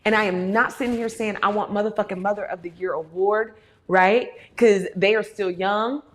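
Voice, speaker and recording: A woman in her thirties, a host answering audience questions in a candid, animated way and swearing often. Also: mid-range voice, moderate pace. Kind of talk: casual talk to an audience.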